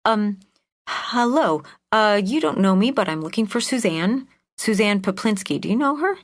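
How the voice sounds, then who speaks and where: A woman's voice: mid-range voice, animated, moderate pace, voice pushed up. A woman narrator voicing a young woman who speaks politely and hesitantly on the phone. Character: young woman, curious and nervous.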